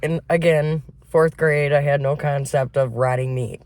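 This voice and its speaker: A woman's voice: sits low, a little slow. A woman from Michigan co-hosting a casual podcast, telling stories with lots of swearing and laughter. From Flint, Michigan. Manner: profane, laughing, animated storyteller. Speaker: podcast co-host. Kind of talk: casual chat, storytelling.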